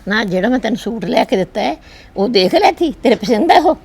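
A woman playing a frail, gentle elderly village mother with a Punjabi accent, consoling her daughter. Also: fairly high pitch, very animated, fast, slightly rough, heavily acted. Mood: tender. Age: older. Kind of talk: village drama acting.

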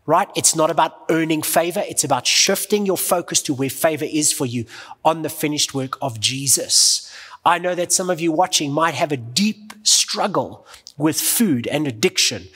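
A man's voice: fairly high pitch, a bit bright, breathy edge. A male pastor delivering an earnest, emphatic sermon, voicing his listeners' questions back to them. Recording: long hall reverb.

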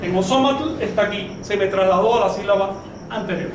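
Brisk and flat in delivery, a high-voiced man runs a language class, breaking things down step by step and firing questions at his students. The recording comes from far away in an echoey room, with a little noise.

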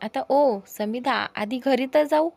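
A woman's voice: high voice, slow, vocal fry, darkish tone, pitched above the performer's own voice, heavily acted. A woman voicing a shy, guarded young heroine. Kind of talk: storybook character voice.

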